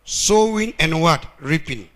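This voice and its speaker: A male preacher giving a sermon in short phrases, pausing for an interpreter and asking the congregation to finish his sentences. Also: fairly high pitch, lively intonation, fairly bright tone.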